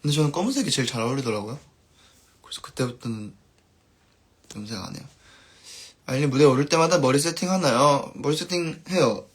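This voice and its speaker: A man, a band musician, chatting casually on his live stream and reading viewer comments aloud, his sentences trailing off softly at the ends. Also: mid-range voice, a little fast, pauses often, slightly rough.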